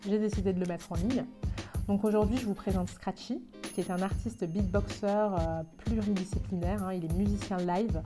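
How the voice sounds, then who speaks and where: A woman hosting a podcast, reading an upbeat intro and then chatting with frequent hesitations. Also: medium pitch. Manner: clear, upbeat read intro, then chatty with many fillers. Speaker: podcast host. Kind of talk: podcast interview with scripted intro.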